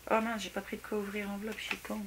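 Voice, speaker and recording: A woman chatting casually as she opens fan mail at home, exclaiming and often dropping to soft near-whispers. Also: mid-range voice, completely flat delivery, very fast. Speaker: beauty vlogger opening fan mail. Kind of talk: casual unboxing chat. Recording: noisy home recording with clicks.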